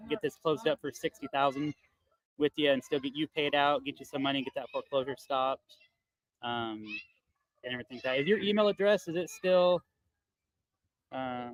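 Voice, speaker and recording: Fast-talking man with a dry, close sound. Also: mid-range voice, a bit bright, no echo, rough recording. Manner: fast-talking, filler-heavy, reassuring salesman. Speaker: real estate investor on sales calls. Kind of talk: live-streamed phone sales call and debrief. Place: loud area. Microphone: earbud headset mic.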